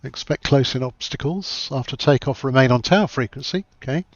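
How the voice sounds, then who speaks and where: A man's voice: mid-range voice, brisk, no echo, highs cut off. A man giving casual livestream commentary as he plays a flight simulator, thinking aloud in a chatty, self-deprecating way.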